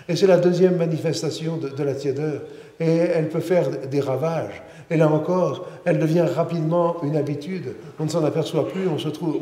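In a large church with long, roomy reverb, a middle-aged priest delivers a sermon. His fairly high, dark-toned voice sounds earnest, and he often restarts and repeats his words.

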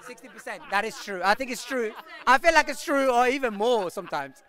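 A man in his thirties answering a street interview, talking in animated, laughing bursts into a handheld mic outdoors at night. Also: very high-pitched, normal speed. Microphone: handheld mic held out by interviewer.

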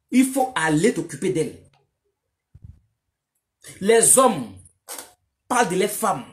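A woman scolds a man in a long commentary monologue. She mocks him and hammers her points home through repetition, keeping her voice at an average pitch. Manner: mocking, scolding, repetitive and emphatic. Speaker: online commentator.

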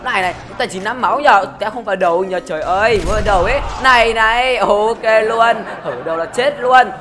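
A woman's voice: mid-range voice, quick pace, a bit bright. A woman hosting a gaming channel, giving playful, teasing commentary as she plays, laughing often. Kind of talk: casual game commentary. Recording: game music behind the voice.

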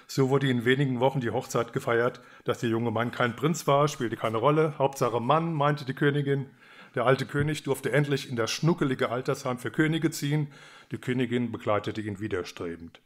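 A man from Germany reads his own satirical fairy tale at a public reading. He narrates in a dry, ironic tone with a medium-pitched voice. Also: normal speed.

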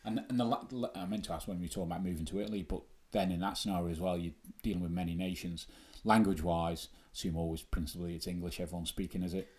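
Guy hosting a chat interview, talks fast, deep voice, rambly questions. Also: steady tone, darkish tone. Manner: loosely phrased, self-interrupting questions. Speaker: interviewer, podcast host.

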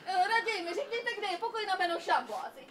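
An actress playing a jealous, flighty young wife in an amateur stage farce, full of theatrical exclamations. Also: female voice, very high voice, expressive, fairly bright tone. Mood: suspicious. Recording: noisy live stage recording.

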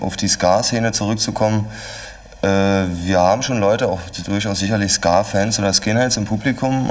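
A young man from Berlin, a ska band member, speaking bluntly and casually in a group interview indoors. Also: on the low side. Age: young adult. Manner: blunt, dismissive of singing in English. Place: bright room with tall windows, indoors.

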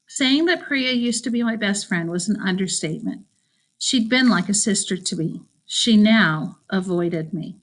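A woman's voice: mid-range voice, lively intonation, unhurried. Wry woman narrating an audiobook. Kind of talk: first-person audiobook narration.

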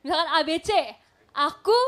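Bubbly high-voiced young woman emcee. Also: normal speed, fairly bright tone. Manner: cheerful, encouraging quizmaster. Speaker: stage MC running a word game. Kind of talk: playful live stage banter. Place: live theater stage.

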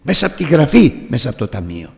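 A man preaching with fervent conviction, his somewhat high voice climbing to near-shouts. The sound carries a long reverb tail from a church hall. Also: big pitch swings, vocal fry. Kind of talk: sermon.

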